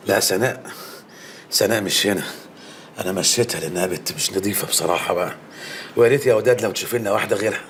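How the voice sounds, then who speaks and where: A man plays a curt Egyptian employer who answers questions brusquely and evasively. His voice sits low and his words come fast. A faint rumble runs behind him. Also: a bit bright, lightly acted.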